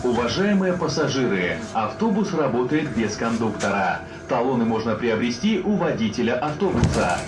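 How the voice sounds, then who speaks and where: A man reading formal passenger notices, played over a bus PA loudspeaker. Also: mid-range voice, big pitch swings. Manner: formal, deliberate announcing. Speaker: bus service announcer. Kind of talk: prerecorded transit announcement. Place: inside a moving city bus. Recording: echoey, distant, noisy bus interior.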